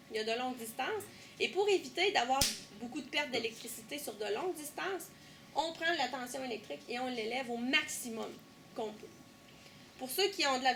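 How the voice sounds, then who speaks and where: A young woman with a Québécois accent guiding a tour group through an underground power station, lively, asking questions and teasing. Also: high voice, a little hiss or hum. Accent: Québécois French. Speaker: tour guide. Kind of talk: guided tour explanation.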